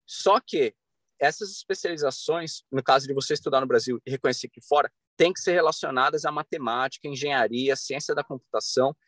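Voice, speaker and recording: A man's voice: mid-range voice, brisk, a bit bright, dry recording. Earnest Brazilian man on a video call. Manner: earnest, advising, many restarts and fillers. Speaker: podcast guest. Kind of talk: casual interview talk. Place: bright room at home. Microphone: video call webcam.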